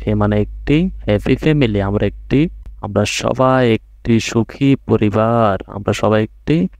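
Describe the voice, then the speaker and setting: A male teacher with a Bangladeshi accent who gives a primary school English lesson, reading English words very slowly and then explaining them to his pupils. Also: lowish voice, creaky, darkish tone, no room sound. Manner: addresses pupils directly, checks understanding with rising tag questions.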